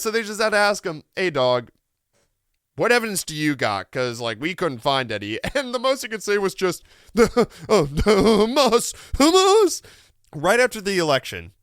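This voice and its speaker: Animated man with a sore voice. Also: fairly high pitch, clean tone, dry recording, clean studio sound. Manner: rambling, many "like" fillers, swearing, laughs often. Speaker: radio and podcast host. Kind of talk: casual political commentary.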